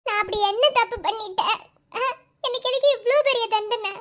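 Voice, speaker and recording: A woman's voice: very high voice, fairly quick, fairly bright tone. A woman voicing a tearful young woman in a cartoon, who talks in a self-pitying way. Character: tearful young woman longing for her father.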